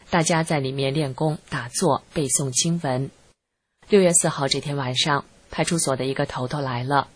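A narrator reading a first-person account aloud in an earnest, measured way. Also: medium pitch, fairly bright tone, slightly rough, no room sound. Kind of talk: scripted narration.

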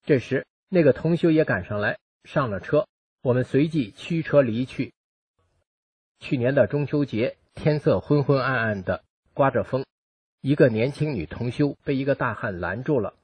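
Husky breathy guy reading a story out loud, even steady pace, dry close sound. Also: medium pitch, moderate pace, no room sound. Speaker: reader of a personal testimony. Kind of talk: scripted first-person narration.

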